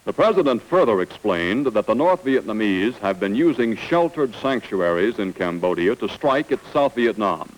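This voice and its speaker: A man's voice: lowish voice, very animated, normal speed, few pauses, poor audio. A man giving formal, scripted narration in the manner of an old newsreel announcer.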